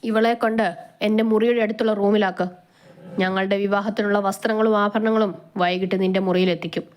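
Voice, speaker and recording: A woman voicing a cruel male gang boss who gives orders and gloats in a slow, commanding tone. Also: mid-range voice, fairly even intonation, darkish tone, close to an everyday voice.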